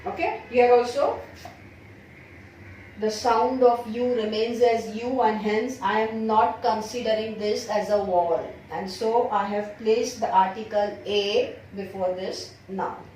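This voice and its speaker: An Indian woman teaching English grammar, stretching out each example sentence word by word before explaining it in a quicker Hindi. Her voice is captured from a distance in a strongly echoing room with a faint ambient hiss. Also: medium pitch, steady tone, a little mellow. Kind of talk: grammar lesson. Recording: far-off echoey room recording.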